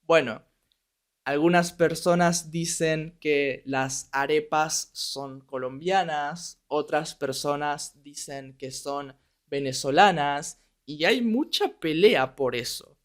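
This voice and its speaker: A young man from Argentina teaching Spanish in a podcast, speaking in a neutral accent and checking in with listeners as he goes. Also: fairly high pitch. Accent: neutral Latin American Spanish. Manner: speaks slowly and deliberately, checks in with "¿ok?". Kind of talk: podcast lesson, slow clear speech for learners.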